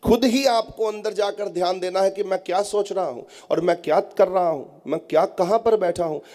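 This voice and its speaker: A man with a high voice gives a devotional sermon to a seated congregation. His tone is mellow and soft-edged. He talks straight to his listeners in an earnest, coaxing way. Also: normal speed. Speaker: spiritual teacher. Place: prayer hall at a gathering.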